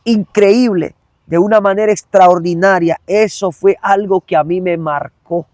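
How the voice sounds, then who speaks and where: A man's voice: high voice, fairly even intonation, moderate pace, darkish tone, no echo. Earnest man giving a testimony. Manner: earnest, repetitive, addresses the listener directly. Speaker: evangelist guest. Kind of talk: emotional personal testimony.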